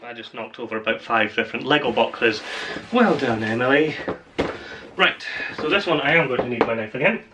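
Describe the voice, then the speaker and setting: A man's voice: mid-range voice, animated, brisk, heavy background noise. A man hosting a casual unboxing vlog, rambling and chatty, often laughing at himself. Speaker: channel host.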